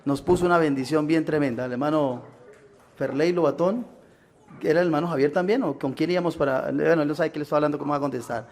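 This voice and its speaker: Man, Colombian accent, pastor, high-pitched, sermon, acts out quotes, rhetorical questions. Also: fast, a little mellow. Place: church gathering.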